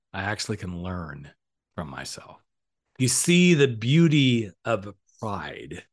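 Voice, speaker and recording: Middle-aged male podcast host, solo show; lively storyteller who voices both sides of a chat, frank, swears now and then. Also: lowish voice. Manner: animated storytelling, acts out both sides of conversations; casual and frank, occasional swearing.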